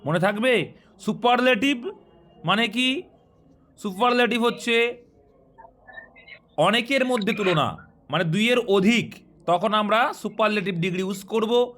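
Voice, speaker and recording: A man's voice: high voice, a little slow, long pauses, a bit bright. A man teaching an English grammar lesson in speech, explaining step by step and quizzing his students.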